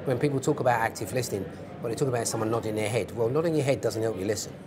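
A British man in his fifties speaks quickly as an interview guest, explaining in an instructive way. His pitch is ordinary for a man and he stresses points by repeating them. A clear murmur of a crowd sits behind him. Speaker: interview guest, former police hostage negotiator. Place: indoor event interview stage.

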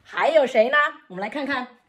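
A middle-aged woman tells an interactive story as a children's teacher. Her voice is high and swings widely. She exaggerates, repeats key phrases and puts questions to the children. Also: expressive, brisk. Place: indoors at home, small room.

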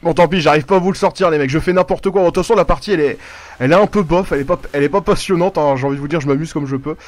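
A gaming YouTuber with a voice on the high side talks very fast over his gameplay, rambling, swearing a lot and cutting off to react to the game. There's no room sound at all.

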